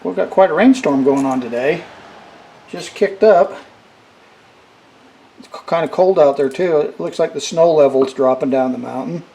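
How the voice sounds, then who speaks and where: Working at his bench, a middle-aged repair demonstrator talks through a casual hands-on tutorial, halting and unhurried. His voice is fairly high, creaky, and warm. A camera above the workbench picks him up indoors in a noisy workshop, where rain drums on the tin roof.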